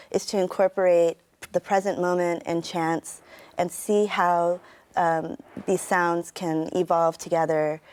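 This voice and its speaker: A woman's voice: fairly low pitch, a little mellow. A middle-aged woman with a standard American accent, answering interview questions in a reflective, explanatory way. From United States. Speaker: interview guest, turntablist and sound artist.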